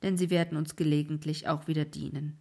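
A woman voicing a calm, kindly old man in a fairy-tale reading, speaking low and unhurried. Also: gravelly.

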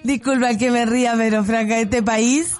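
A woman's voice: on the high side, fairly even intonation, moderate pace, darkish tone, soft background music. Sarcastic Chilean woman radio host. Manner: sarcastic, laughs often, blunt. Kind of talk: casual opinionated radio commentary.

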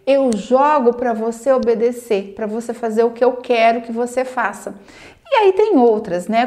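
A woman gives parenting advice straight to camera. She speaks earnestly and acts out parents' lines in quick asides. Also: high voice, a little mellow. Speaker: parenting educator. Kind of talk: direct-to-camera advice talk.

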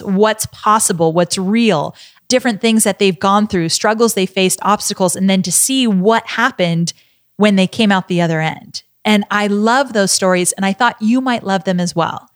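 A woman's voice: medium pitch, normal speed, no echo. Upbeat woman podcast host, dry sound. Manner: upbeat, enthusiastic. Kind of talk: scripted podcast intro and interview.

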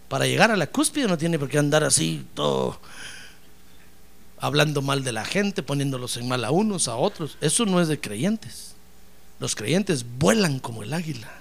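A man preaching a fervent sermon as pastor, calling out to his listeners as brothers and breaking into loud praise. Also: sits high, vocal fry. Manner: bursts into loud praise shouts.

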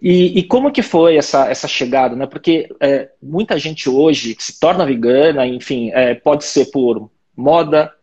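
A man's voice: a little high, a little slow, few pauses, darkish tone, husky, lo-fi sound. A man hosting an interview podcast, introducing his guest and asking questions in a chatty way, often adding "né?". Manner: chatty, leans on "né?". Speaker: podcast host.

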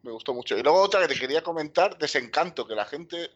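A man's voice: fairly high pitch, expressive, fast, fairly bright tone. A man from in a casual podcast chat, enthusiastic and a bit rambling. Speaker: podcast guest. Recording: dull, slightly lo-fi mic.

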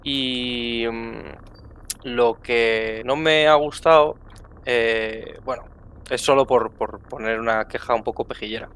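Male player, casual effusive feedback, mid-pitched. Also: steady tone, takes it slowly, fairly bright tone, clear, resonant tone. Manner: effusive, repeats words for emphasis. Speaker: tabletop game player giving feedback. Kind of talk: casual post-game feedback chat.

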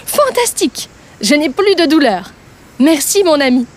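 A woman's voice: very high-pitched, expressive, unhurried. A woman voicing a fearful male crocodile with a toothache, in a whiny, wincing voice for a children's storybook. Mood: delighted.

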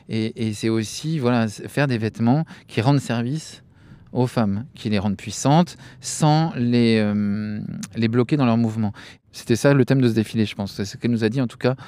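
A man's voice: medium pitch, no echo. Chatty Frenchman enthusing about fashion. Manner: lively and chatty, many fillers and restarts. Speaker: podcast co-host. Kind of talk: casual chat about fashion shows.

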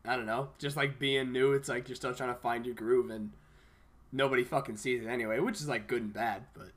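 A man's voice: mid-range voice, steady tone, a little fast, fairly bright tone. A man hosting a casual podcast chat, laid-back and swearing freely, with plenty of "like" in his speech. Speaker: podcast host.

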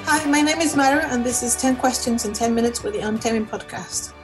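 A woman, a Spanish speaker, answering a list of questions casually with frequent thoughtful pauses and ums. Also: on the high side, music in the background, rough recording. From Mexico. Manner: thoughtful, pausing often with ums. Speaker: podcast guest.

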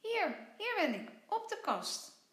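A woman reading a children's storybook aloud, voicing a small playful mischievous male creature in a high squeaky voice. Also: very animated, slow, a bit bright, exaggerated voice. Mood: cheeky. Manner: cheeky, bouncy, high squeaky voice. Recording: echoey room.

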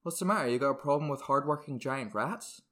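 A man's voice: mid-range voice, fast talker, fairly bright tone, lightly acted. A man playing a brash, irritable, eccentric ad agency boss in a comedy script, volatile and blustering. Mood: deadpan boasting. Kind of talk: comedy script read aloud.

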